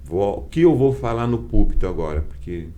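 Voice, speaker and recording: A man's voice: fairly low pitch, animated, brisk, warm tone. A man with a Brazilian Portuguese accent, a bishop guest telling a heartfelt personal testimony and acting out the quoted dialogue. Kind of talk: personal testimony in a podcast conversation.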